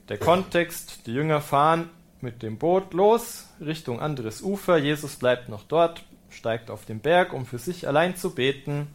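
A man, a priest, reads a Gospel passage and explains it in a reflective sermon, calm and lightly humorous. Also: mid-range voice. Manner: German-speaking preacher. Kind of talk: sermon with scripture reading.

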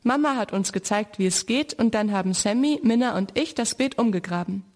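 A woman's voice: fairly high pitch, lively intonation, brisk, a little mellow. A woman reading the part of a sensible, helpful girl in a storybook reading.

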